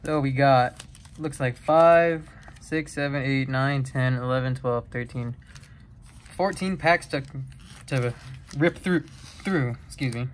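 A young man talks his way through opening a box of trading cards, reading names one after another at an unhurried pace. He gets chatty and excited over the big pulls. A faint hum of room noise sits behind him. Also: medium pitch. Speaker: card-breaking YouTuber. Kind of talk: casual card-opening vlog.

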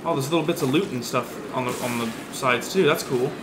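A man doing let's play commentary on a horror game, excitable and jumpy, swearing often. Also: mid-range voice, a little fast. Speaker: gaming video host. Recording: roomy with steady background noise.

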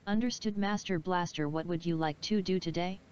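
A woman voicing a female AI computer that has just been rebooted, speaking quietly and hesitantly. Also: fairly low pitch, fairly quick, clear, resonant tone, natural voice. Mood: polite. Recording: dull lo-fi sound.

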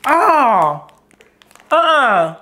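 A woman vlogger tasting candy with her mouth full, blunt and expressive. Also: high-pitched, drawn-out words, a little hiss or hum. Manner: blunt, expressive, playful slang. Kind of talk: casual taste-test vlog. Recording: music playing behind.

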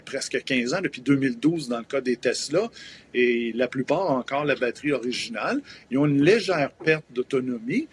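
A man's voice: mid-range voice, a little hiss or hum. A man in his fifties with a Québécois French accent, a promoter explaining things in a hesitant live TV interview with many fillers, heard over a remote video link. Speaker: event promoter.

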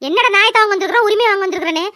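Brief: scolding old village mother-in-law, a woman does her, very high and quick. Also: pushed and bright, no echo, clean studio sound. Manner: scolding, sarcastic. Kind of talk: cartoon voice acting.

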